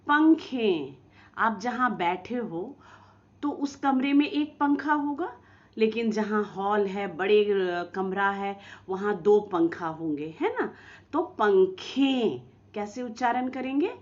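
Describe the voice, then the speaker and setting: Woman teacher for small kids, slow and sing-song, slightly muffled lo-fi recording. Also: mid-range voice. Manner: slow, drawn-out pronunciation of example words; lively, coaxing teacher tone with questions to children. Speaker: school teacher. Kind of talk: recorded online lesson for young children.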